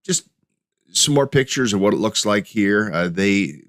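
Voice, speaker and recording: Middle-aged man, low voice, dry close sound, hesitant podcast host with frequent restarts. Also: expressive, unhurried, a bit bright, dry recording. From United States. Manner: hesitant, many restarts and fillers. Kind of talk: casual solo podcast with slides.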